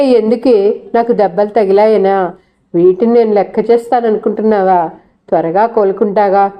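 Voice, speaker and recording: A woman reading the part of a gravely injured young unmarried mother who speaks weakly and slowly, defiant and unafraid. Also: mellow, natural voice. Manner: weak, slow and low-voiced.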